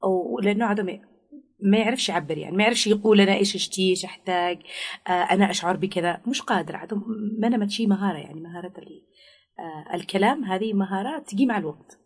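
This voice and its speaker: A woman's voice: mid-range voice, rapid-fire, husky. A woman giving parenting advice in an interview, explaining patiently and acting out what parents might say to a child.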